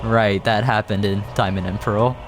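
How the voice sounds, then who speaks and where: Over video game music, a man streams his gameplay and reacts casually to it. His voice is on the low side with fairly even intonation and a moderate pace, and the recording has a little hiss or hum.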